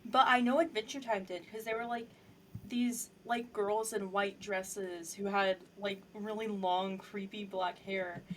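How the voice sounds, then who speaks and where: A young adult woman co-hosting a casual podcast, rambling deadpan with lots of "like.". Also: mid-range voice, measured pace, a little hiss or hum. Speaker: podcast co-host. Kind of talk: casual chat.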